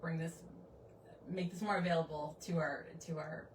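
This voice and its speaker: Flat-voiced woman in an echoey room. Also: low voice, moderate pace, recorded from a distance. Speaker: program manager. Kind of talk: explaining a program.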